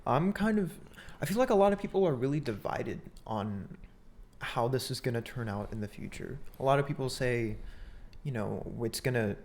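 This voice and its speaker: Young male co-host, mid-range voice, relaxed and agreeable, laughs easily. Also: mid-range voice. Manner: easygoing, agreeable, quick to laugh. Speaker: podcast co-host. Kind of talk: casual chat.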